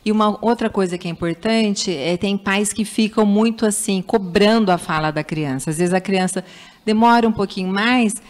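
A woman's voice: mid-range voice, normal speed. A Brazilian woman speech therapist answering interview questions, patiently explaining child language development. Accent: Brazilian Portuguese. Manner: patient, explanatory, acts out parents' baby talk.

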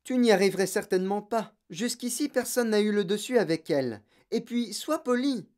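A narrator voicing a gentle young schoolteacher in an audiobook, speaking patiently and firmly. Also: medium pitch, animated, normal speed, voice pushed up, close to an everyday voice. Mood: earnest. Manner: patient, firm, softly reasoning. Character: gentle young female teacher, calm and principled. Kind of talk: audiobook character voice.

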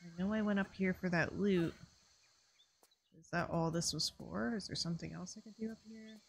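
A woman's voice: lowish voice, fairly even intonation, moderate pace, vocal fry, slight background noise. A woman streamer chatting casually and rambling with lots of fillers while playing a game. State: hiccups. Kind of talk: casual gameplay commentary.

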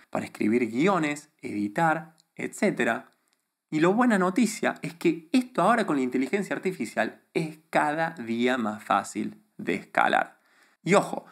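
A lively Argentine YouTuber with a neutralized accent and a fairly high voice offers advice directly to camera, confident and emphatic, hands constantly gesturing. He's in a small studio room against a plain grey backdrop, with a desk microphone in front of him.

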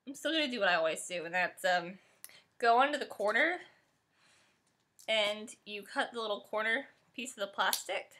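A young woman chatting excitedly to her camera at home while unboxing a music album. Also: medium pitch. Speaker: vlogger. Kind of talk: casual unboxing chat.

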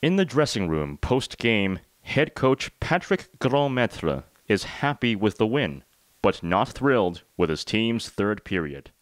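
A man narrating a sports feature in a measured, composed scripted voice-over. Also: on the low side, very animated, slight background noise. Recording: voice-over with guitar music behind.

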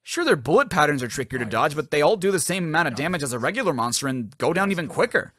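Man, sarcastic nitpicker, animated intonation, higher-than-average voice, scripted critique. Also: fast talker, dry recording, clean studio sound. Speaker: game critic narrator. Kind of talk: scripted snarky commentary.

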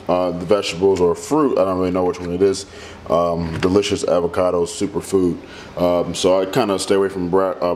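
A man's voice: sits low, a little hiss or hum. A man talking casually and loosely as he cooks his meals in a home kitchen, like a fitness trainer walking through his routine. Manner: relaxed, rambling, talks while cooking. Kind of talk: casual cooking walkthrough. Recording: music playing under voice.

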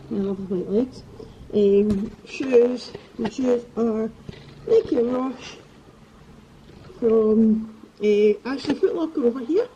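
A woman's voice: fairly high pitch, warm tone. A young Scottish woman chatting casually to camera in a vlog, gushing and full of fillers. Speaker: travel vlogger. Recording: dull lo-fi sound with clear background noise.

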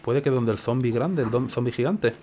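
A man's voice: mid-range voice, brisk, warm tone, a little hiss or hum. A man with a Castilian accent from Spain giving casual gameplay commentary, musing and questioning himself as he thinks aloud. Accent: Castilian Spanish from Spain. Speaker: gaming video host.

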